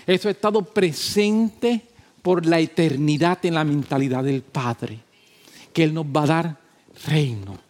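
A male pastor preaching a sermon, emphatic and repetitive, moving between loud exhortation and quiet, low talk. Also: a little slow.

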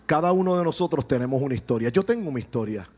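A Puerto Rican man preaching a sermon, animated, swelling to shouts and dropping into joking asides. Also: medium pitch, fast, slight background noise. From Puerto Rico.

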